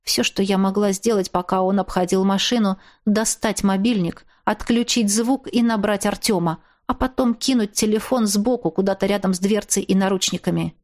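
A woman's voice: mid-range voice, moderate pace, few pauses, darkish tone. Woman reading a first-person audiobook. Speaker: audiobook narrator.

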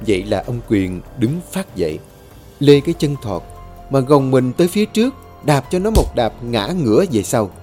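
Lively warm-voiced male horror narrator. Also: medium pitch, moderate pace. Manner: dramatic, tense storytelling with rising and falling intensity. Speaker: storyteller. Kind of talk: scripted horror story narration. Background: faint background music.

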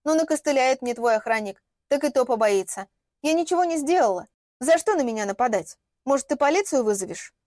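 A woman's voice: high-pitched, expressive, a little fast, darkish tone, dry recording, studio quality, pitched above the performer's own voice. A woman reading an audiobook, voicing a bold, sarcastic young heroine who confronts and mocks. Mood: scornful. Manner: mocking, confrontational.

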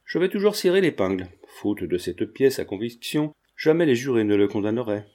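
A man's voice: mid-range voice, sing-song, fairly quick, darkish tone. A man reading the part of a shrewd police agent who speaks dryly and matter-of-factly. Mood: sardonic. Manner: dry, matter-of-fact.

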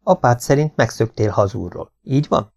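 A man voicing a brisk, matter-of-fact police officer questioning a family. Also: mid-range voice, expressive, vocal fry, darkish tone, breathy edge. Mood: businesslike. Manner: businesslike questioning. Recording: dull lo-fi recording.

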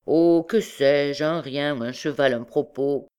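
Un jeune capitaine beau parleur et fuyant, joué par une femme, qui répond d'un ton désinvolte. La voix est à peine plus grave et plus lente que celle de la lectrice, dans un livre audio. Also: female voice, deep voice, takes it slowly, warm tone, clean tone. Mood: evasive. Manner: offhand, evasive. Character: young male army captain, evasive and glib.

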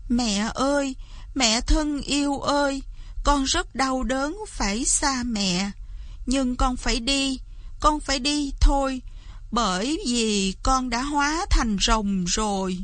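A woman's voice: high voice, takes it slowly, a bit bright, dry recording. A woman voicing a frightened young peasant boy who speaks breathlessly and plaintively. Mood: sorrowful.

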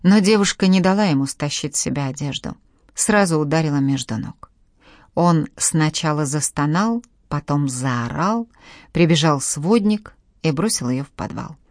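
Low-voiced woman narrating an audiobook. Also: moderate pace, dry recording, clean studio sound. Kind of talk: scripted narration.

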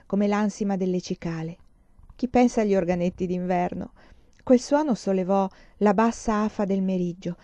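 A woman reading a novel aloud in a calm, measured storytelling manner with gentle emphasis. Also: medium pitch, no room sound. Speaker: audiobook reader.

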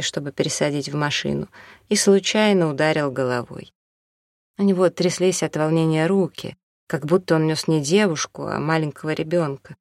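A woman narrating an audiobook in an even, measured reading. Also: low voice, no echo, studio quality.

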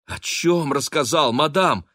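Shy, bewildered young ward, voiced high by a man. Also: measured pace, fairly bright tone, no echo, clean studio sound. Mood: flustered. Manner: timid, bewildered.

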